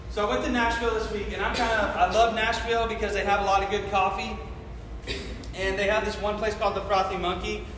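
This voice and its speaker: A male pastor with a high, bright voice preaches loudly, excitably and casually, then prays in a fervent, repeating "Father God" cadence. The sermon and prayer ring through a big echoey church hall with a long reverb tail and faint room noise.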